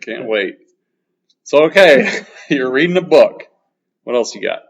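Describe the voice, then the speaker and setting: A podcast host in his thirties chats casually with his guest, teasing and joking, loose with his fillers. His medium-pitched voice is expressive and slightly rough, paced in a measured way. The podcast audio sounds muffled.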